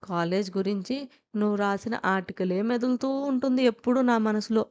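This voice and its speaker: A woman voicing a quiet, wistful young male college student who speaks softly and reflectively. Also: medium pitch, brisk, dull audio, natural voice.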